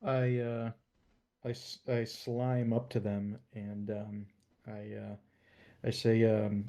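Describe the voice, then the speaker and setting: A man's voice: lowish voice, flat delivery, slow pace, vocal fry, warm tone. A man playing a tabletop game, chatting casually with a hesitant, stammering delivery.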